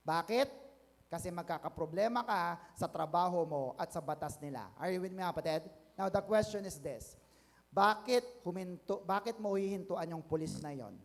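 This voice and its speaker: A Filipino man preaches with a high voice, drawing amens from the congregation and swelling into loud, stretched declarations. His voice rings through a long hall reverb. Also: normal speed. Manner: mixes English into preaching, calls for amens, builds to loud declarations. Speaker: pastor. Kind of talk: sermon.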